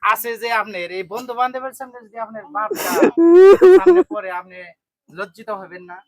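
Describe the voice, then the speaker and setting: A man's voice: high voice, lively intonation, fairly quick, crowd noise. A man playing a stern bystander who scolds and lectures a son in an amateur street drama. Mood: scolding. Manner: scolding, preachy, emphatic.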